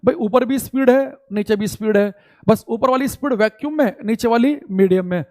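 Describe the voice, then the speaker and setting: A man with a high-pitched, warm voice teaches a live online class in an informal style, calling his students "bhai," or brother. He spells out definitions and repeats key points slowly so students can write them down. When students complain about the audio, he grows exasperated.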